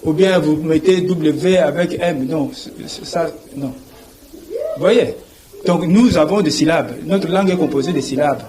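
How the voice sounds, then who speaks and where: A man teaches like a professor, spelling words out letter by letter and checking that you follow. His voice sits a little high, with a faint hiss of noise behind it. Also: measured pace. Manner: didactic, repeats "vous voyez", spells out letters. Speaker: guest, language professor. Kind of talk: TV interview, explaining.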